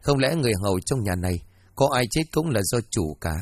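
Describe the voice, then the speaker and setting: A man's voice: medium pitch, big pitch swings, a little fast, no room sound. A man voicing a cold, shrewish second wife of a rich landlord in a storybook reading.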